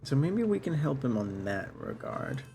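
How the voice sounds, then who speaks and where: A man's voice: medium pitch, sing-song, moderate pace, gravelly, mellow, faint music behind. A man giving casual game commentary, musing and thinking aloud as he plays. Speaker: gamer, let's play host.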